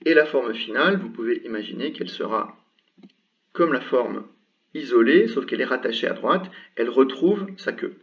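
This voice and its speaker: A man teaching an Arabic lesson, explaining patiently and sounding out example syllables slowly with many hesitations. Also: medium pitch, expressive. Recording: dull sound from a distance from the mic.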